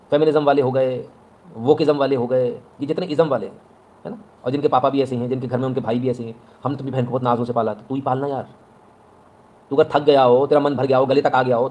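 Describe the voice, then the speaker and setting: A man's voice: fairly high pitch, darkish tone. A man with a Hindi accent giving blunt advice in a lecturing monologue, often asking "right?". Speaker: online news commentator.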